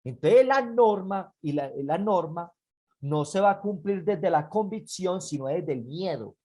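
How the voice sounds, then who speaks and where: Brief: earnest church teacher giving a parenting lesson, pleading tone, repeats points, slows to stress words. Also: medium pitch, animated, dark tone.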